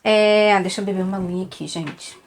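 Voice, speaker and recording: A woman's voice: mid-range voice, steady tone, brisk. A woman with a Brazilian accent giving an online exam-prep lesson, chatty and repetitive, often checking in with her students. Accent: Brazilian Portuguese. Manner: chatty, repeats tips, frequent "tá?" check-ins. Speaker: Portuguese teacher for exam prep.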